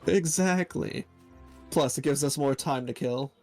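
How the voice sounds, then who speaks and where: A man's voice: mid-range voice, little pitch movement, normal speed, a little mellow, faint music behind. A man playing a video game on a friend's stream, chatting casually and telling rambling stories. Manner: rambling storyteller. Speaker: guest player. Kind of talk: casual let's-play chat.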